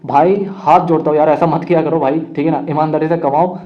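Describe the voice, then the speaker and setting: A young man counsels students at a quick clip, his voice sitting a little high. He talks frankly and like a big brother, checking in with the listener again and again. The recording sounds slightly muffled and lo-fi. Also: fairly even intonation. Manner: frank, brotherly, keeps asking "ठीक है ना". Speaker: education counsellor. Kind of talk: casual explainer to students.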